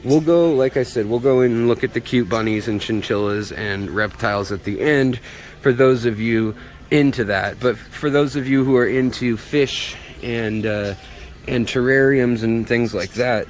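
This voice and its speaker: A man hosting a casual, chatty walk-through vlog, his voice slightly muffled by a face mask, as he shows viewers around a shop. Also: medium pitch. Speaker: host of a shop tour video. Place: inside a pet shop, walking around. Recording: clear background noise, store ambience.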